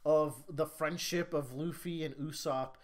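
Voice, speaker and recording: A man's voice: fairly high pitch, steady tone, measured pace. A man co-hosting a podcast in casual chat, eagerly steering the discussion along. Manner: enthusiastic, steers the talk. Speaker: podcast co-host.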